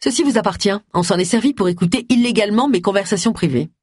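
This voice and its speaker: A woman's voice: medium pitch, fast talker, darkish tone, breathy edge, no room sound, clean studio sound, voice pushed up, close to an everyday voice. A reader doing a curt, blunt woman detective. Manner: curt and cutting. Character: sharp blunt middle-aged woman detective.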